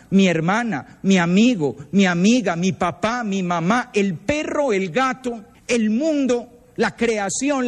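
A Colombian man with a notably high voice lectures to parents, lively and storytelling, slipping into the voices of the people he quotes. His voice rings out with a long reverb, as if in a large hall. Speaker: retreat leader.

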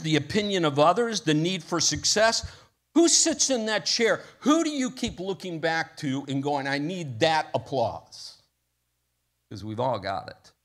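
A man preaching a sermon in a church, telling a story with rising intensity and praying softly. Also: a little high. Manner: storytelling with rising intensity, then soft prayer. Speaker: pastor. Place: church sanctuary.

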